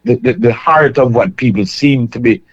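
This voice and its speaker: A Jamaican man calling in to a radio show, speaking earnestly and in a measured way. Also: mid-range voice, sing-song. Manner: earnest, measured, thinks aloud with restarts. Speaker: caller. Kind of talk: phoned-in call to a radio show. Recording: dull phone line.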